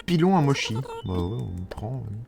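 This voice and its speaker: A man's voice: fairly low pitch, very animated, normal speed, gravelly, music in the background. A man with a Belgian French accent from Wallonia, chatting live with viewers while playing a game. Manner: chatty, answers viewers, thinks aloud. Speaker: streamer.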